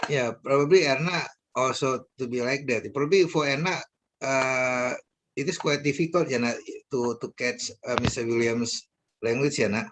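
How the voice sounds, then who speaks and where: A man's voice: mid-range voice, fairly even intonation, normal speed, fairly bright tone, a little hiss or hum. A man with an Indonesian accent teaching an English class, enthusiastic and chatty, laughing often and tagging his sentences with "ya". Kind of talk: casual class chat.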